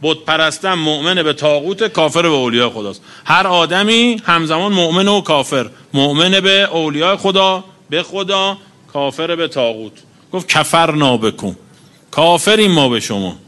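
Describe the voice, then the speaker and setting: A man's voice: a little high, bright, forceful tone. A man preaching a religious sermon, reciting Arabic quotations and explaining each one in plain talk. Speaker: cleric.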